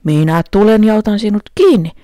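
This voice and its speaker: A woman voicing a fearsome troll under a bridge, shouting threats in a storybook. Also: mid-range voice, expressive, dry recording, studio quality, pitched above the performer's own voice, natural voice. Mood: menacing. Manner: bellowing threats.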